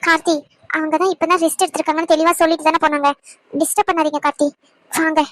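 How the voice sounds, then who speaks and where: A woman's voice: very high-pitched, level tone, quick pace, fairly bright tone, no room sound. A woman voicing a caring young woman in a cartoon, soothing and urging a grieving friend. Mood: comforting.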